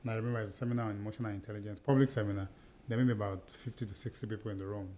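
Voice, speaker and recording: Racing along in a fairly low, dark, steady voice, a Nigerian-accented podcast co-host, middle-aged and raised in Nigeria, shares stories earnestly in casual discussion. He often restarts and repeats himself, and there's a slight hiss or hum.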